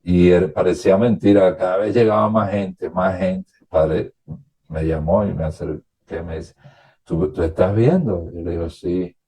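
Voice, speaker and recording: A priest from Venezuela, a man, telling his own story as a radio interview guest, recounting past conversations in a halting, reflective way. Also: deep voice, fairly even intonation, mellow, husky.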